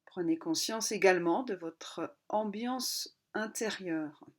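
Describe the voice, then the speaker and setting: Leading a guided yoga nidra relaxation, the female instructor uses a medium-pitched voice. Her short phrases of instruction are calm and unhurried, with pauses in between.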